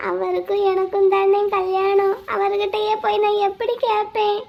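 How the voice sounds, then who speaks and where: A woman's voice: very high voice, monotone, moderate pace, gravelly, lo-fi sound. A woman voicing Maragatham, a tearful young bride-to-be. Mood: pleading. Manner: whiny, pleading.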